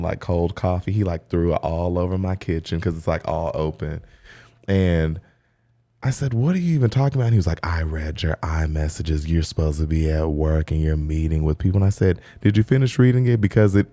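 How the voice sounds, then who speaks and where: A man with a deep voice that has a gravelly, rough edge. His tone is dark and mellow. He tells casual stories with lots of energy, acts out what other people said, and laughs often. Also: brisk. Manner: animated storytelling, acting out quotes, laughing often. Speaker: hairstylist and podcast co-host. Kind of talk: casual chat.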